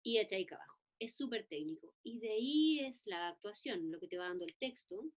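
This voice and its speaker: A woman puppeteer and actress talking about voice work, lively and given to demonstrating voices as she goes. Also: mid-range voice, a little fast, highs cut off. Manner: animated, demonstrates voices mid-talk. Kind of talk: talk on voice acting.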